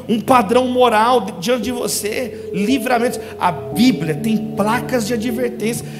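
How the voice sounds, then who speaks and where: Brazilian male pastor, very high voice, lively storyteller preaching in a church, music playing under the long reverb. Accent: Brazilian Portuguese. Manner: animated storytelling, acts out a crying child. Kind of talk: sermon. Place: church auditorium.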